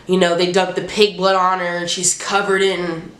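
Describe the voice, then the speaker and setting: A woman's voice: lowish voice, level tone, normal speed, fairly bright tone. A woman with a stuffed-up, nose-pinched sound from allergies, chatting casually and expressively in slangy speech as she reviews films. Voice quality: congested, nasal, like holding the nose. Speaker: movie reviewer hosting a top ten countdown. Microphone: handheld phone. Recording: roomy, echoing home recording.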